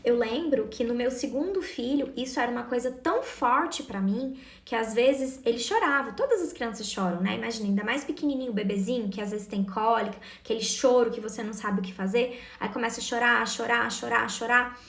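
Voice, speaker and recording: A woman's voice: on the high side, brisk, hardly any pauses, echoey room. A woman, giving earnest parenting advice and speaking directly to her listeners. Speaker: parenting educator. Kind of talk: casual advice talk to parents.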